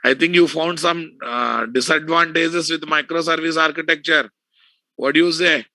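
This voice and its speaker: A man's voice: fairly high pitch, steady tone, normal speed, bright, forceful tone, dry recording. A man with a Telugu accent lecturing students informally as an instructor, repeating phrases and often checking that they follow. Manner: repetitive, checking often for understanding. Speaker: software instructor teaching an online class.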